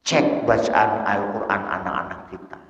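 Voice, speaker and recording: A man's voice: fairly low pitch, fairly even intonation, moderate pace, fairly bright tone. A man preaching a humorous sermon, telling stories and addressing the men in the audience directly. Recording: dull echoey hall recording.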